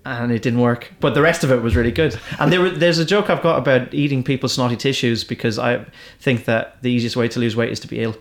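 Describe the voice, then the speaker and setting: In casual conversation, an Irish stand-up comedian moves at a quick clip with few pauses, his voice mid-range. His stories ramble, and he often restarts mid-thought.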